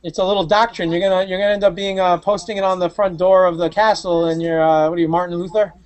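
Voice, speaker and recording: A man hosting a tech show, joking loosely and excitedly as he comments on videos. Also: sits high, fast, no room sound. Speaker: podcast host. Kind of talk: casual chat commenting on videos.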